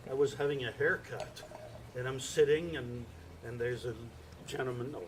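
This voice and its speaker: A man joins the courtyard chat as a regular, telling a loose anecdote with pauses and fillers. His voice is mid-pitched, with a faint hiss behind it. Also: steady tone, poor audio. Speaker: industry analyst, show regular. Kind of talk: casual chat. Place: outdoor courtyard.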